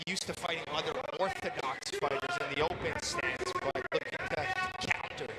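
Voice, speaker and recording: A man's voice: a little high, normal speed, very noisy. A man giving live fight commentary as an analyst, explaining the action as it goes.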